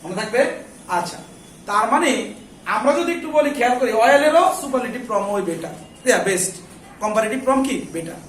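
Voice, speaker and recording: A very high-pitched male teacher runs an English grammar class, speaking fast and with animation. He fires off questions, answers them himself, and scolds students who chat. Recorded from a distance in an echoey classroom, the audio carries a little hiss or hum.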